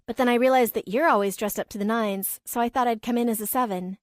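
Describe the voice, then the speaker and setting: A woman's voice: fairly high pitch, quick pace, dry recording, studio quality, close to an everyday voice. A woman voicing a shy, wry young woman.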